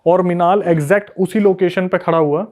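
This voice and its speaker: A man's voice: high voice, normal speed. A man telling a spooky story on a casual podcast, retelling it with energy and acting out what people said. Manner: animated retelling that acts out the quoted people. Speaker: guest storyteller.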